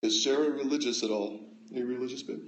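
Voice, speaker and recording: An American man hosting a casual phone livestream at home, reading out comments with relaxed, dry, offhand replies. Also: medium pitch, fast, a little hiss or hum. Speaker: livestream host. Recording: echoey room, faint ambience.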